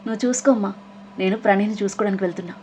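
A woman's voice: medium pitch, very fast, darkish tone, a little hiss or hum, lightly acted. A woman voicing a chatty young female friend who teases. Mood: teasing. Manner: teasing, chatty.

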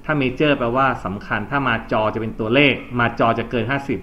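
A man teaching an English lesson in a classroom, loudly drilling words and having students repeat after him. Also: medium pitch, steady tone, moderate pace. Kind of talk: classroom vocabulary and grammar lesson. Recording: dull lo-fi classroom recording with faint noise.

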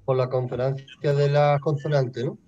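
A man's voice: mid-range voice, little pitch movement, normal speed, dark tone, dull audio. A man taking part as a student in an online class, tentatively asking questions and checking his answers. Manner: tentative, asks for confirmation.

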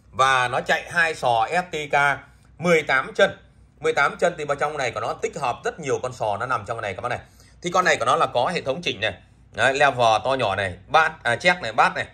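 Bright, husky man doing a hard sell. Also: medium pitch. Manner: pushy, repetitive selling with emphatic claims. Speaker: online seller of used audio amplifiers. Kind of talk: hard-sell product pitch, talking off the cuff. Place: indoors, beside the goods on a patterned cloth.

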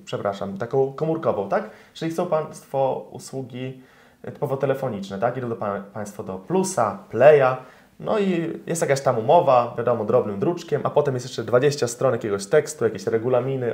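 Young lawyer, interview guest, explanatory delivery with fillers, addresses viewers. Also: male voice, mid-range voice, a little mellow. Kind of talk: interview answers, explaining law.

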